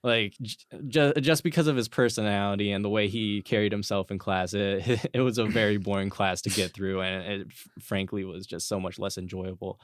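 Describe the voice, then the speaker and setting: A man's voice: lowish voice, fairly even intonation, a little fast, hardly any pauses, no room sound, clean studio sound. A young man hosting a podcast in a casual chat, rambling and restarting his sentences a lot. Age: young adult. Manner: rambling, stammering restarts, frequent "like". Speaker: podcast host.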